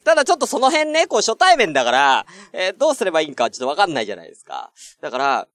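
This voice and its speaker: A man's voice: on the high side, wildly swooping pitch, racing, fairly bright tone, dry recording, studio quality. A man hosting a podcast, telling a story in casual chat with lots of fillers and acted-out quotes. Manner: chatty storytelling, many fillers, acts out quoted exchanges. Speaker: podcast host.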